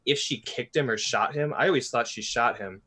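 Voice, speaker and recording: Animated, blunt-talking man. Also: medium pitch, moderate pace, breathy edge. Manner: animated, blunt, swears freely. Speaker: podcast host. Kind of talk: casual podcast chat.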